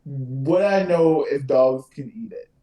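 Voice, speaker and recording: A man's voice: medium pitch, slow pace, warm tone. A man playing a tabletop game, joking and suspicious in his banter. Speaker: player. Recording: roomy, distant mic.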